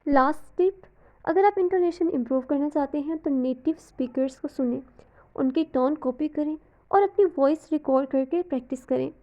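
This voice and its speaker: High-pitched woman teaching in Hindi. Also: moderate pace, lo-fi sound. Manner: explanatory, mixes English terms into Hindi. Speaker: English literature teacher. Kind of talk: scripted educational narration.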